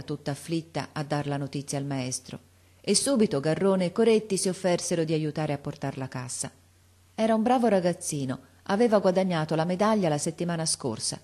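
A woman narrating a classic children's novel aloud in a measured, gentle storytelling manner. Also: sits low. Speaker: audiobook narrator.

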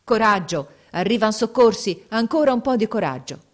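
A woman voicing a fierce, desperate army captain in a storybook reading, shouting orders through clenched teeth. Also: lowish voice, animated, unhurried. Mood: shouting urgently.

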